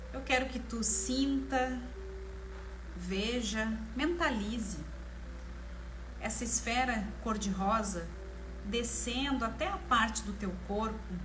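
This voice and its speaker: A woman with a Brazilian Portuguese accent leading a guided meditation in a slow, soothing manner, leaving long pauses between short phrases. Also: on the high side. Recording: clear background noise, ambience. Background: ambient meditation music.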